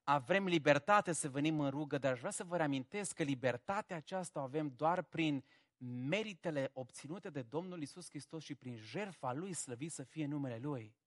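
A man preaching a sermon, humorous and animated, swinging from quiet reflection to loud emphasis. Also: on the high side. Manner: animated and humorous, acting out biblical characters.

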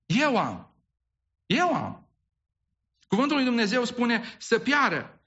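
A pastor delivers a sermon with a high, bright, ringing voice. He repeats phrases, restarts words and keeps putting questions to the congregation. The recording sounds dull and lo-fi. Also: huge pitch swings.

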